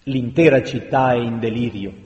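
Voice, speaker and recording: A man's voice: medium pitch, moderate pace, a little mellow, lo-fi sound, natural voice. Brief: commanding male leader in a storybook, urgent, pressing, echoey room, as the narrator plays him. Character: urgent male city leader sending people away. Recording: long reverberant room sound.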